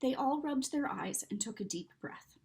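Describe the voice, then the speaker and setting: Higher-voiced woman reading a storybook. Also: animated, moderate pace, vocal fry, a little mellow. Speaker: story reader. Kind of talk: expressive children's storybook narration.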